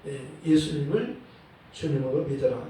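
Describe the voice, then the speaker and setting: A male pastor preaching a sermon in a church, in a measured way, often dropping a short "yes" between phrases and quoting verses. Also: a little high, lively intonation, dark tone, slight background noise. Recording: echoey hall, voice from a distant mic.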